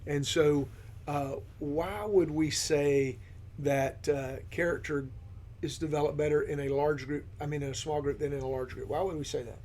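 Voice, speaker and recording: A man on a ministry team who guides a podcast discussion, affirming his partner and posing questions in a steady manner. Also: fairly high pitch, moderate pace, hardly any pauses, a little hiss or hum. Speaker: discipleship ministry team member leading the discussion.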